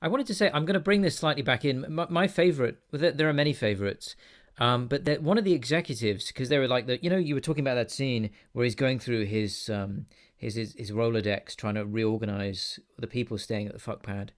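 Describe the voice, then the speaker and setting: A man hosting a film podcast, rambling and relaxed, often restarting his sentences. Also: mid-range voice, fairly quick, few pauses. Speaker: podcast host. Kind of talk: casual film chat.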